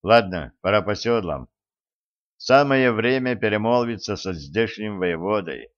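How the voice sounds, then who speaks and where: A man's voice: fairly low pitch, expressive, measured pace, highs cut off. A man voicing a blunt, stern wandering hero who speaks curtly, close to his own voice, in an audiobook. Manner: stern, curt.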